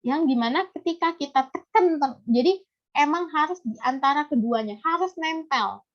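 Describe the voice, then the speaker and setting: An Indonesian woman teaching a recitation lesson in a halting, explanatory way, with a slight impediment on her rolled r. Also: high voice. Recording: dull, lo-fi audio.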